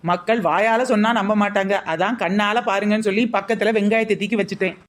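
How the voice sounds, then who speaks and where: A woman playing a crafty young village shop girl with a pitch for everything. Her wisecracking sales patter comes, in a mid-range everyday voice for a scripted comedy skit. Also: steady tone, fast talker, natural voice. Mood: sly. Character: scheming young village shop girl selling hair oil. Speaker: shopkeeper.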